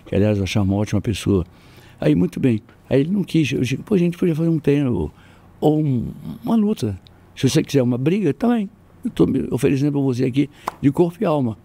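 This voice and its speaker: An older Brazilian man, a jiu-jitsu master appearing as an interview guest, tells fight stories in a casual interview with a Brazilian Portuguese accent. His voice is quick, creaky and slightly rough, and he animatedly acts out quoted voices with jumps in pitch.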